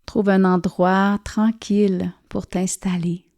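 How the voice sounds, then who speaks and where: Gentle pauses separate the soothing phrases of this yoga nidra teacher as she narrates a guided relaxation. She speaks very slowly and softly in a level tone, her warm, mellow voice at an ordinary pitch for a woman.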